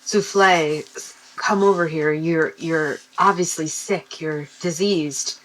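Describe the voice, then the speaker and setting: A woman voicing a calm, knowing female adventurer in a tabletop game, gently explaining. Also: deep voice, takes it slowly, rough recording. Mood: concerned.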